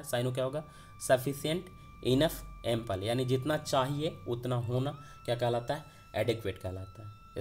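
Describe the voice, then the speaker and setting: A man teaching an exam vocabulary lesson, posing questions to himself and answering them as he goes. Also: medium pitch.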